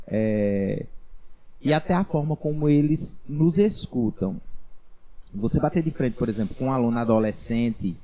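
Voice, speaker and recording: A man's voice: mid-range voice, warm tone, low-quality recording. A middle-aged man, a dance teacher, talking casually and thoughtfully with frequent restarts. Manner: reflective, rambling with restarts. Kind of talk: casual interview chat.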